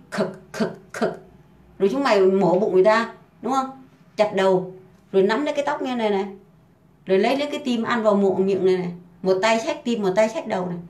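A woman delivering an angry, profane rant full of insults and hammering repetition. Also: on the high side. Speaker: housemaid ranting online. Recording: roomy echo.

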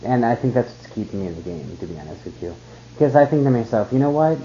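A man's voice: medium pitch, expressive, quick pace, mellow. A man in casual chat who rambles and says "like" constantly. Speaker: cooking student. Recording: dull lo-fi sound with faint noise.

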